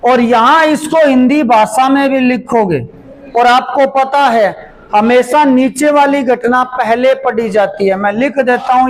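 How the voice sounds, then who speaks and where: A man teaching a maths lesson, going through each step slowly and repeating it while he writes it out. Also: very high voice, slight background noise, rough recording. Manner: slow, repeats steps as he writes. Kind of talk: classroom lesson explanation.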